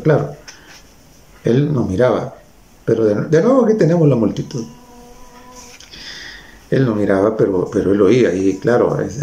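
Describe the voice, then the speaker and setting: Slow gravelly-voiced preacher man. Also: fairly low pitch, mellow, reverberant. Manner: conversational, repeats words, asks listeners "¿no?". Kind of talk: sermon.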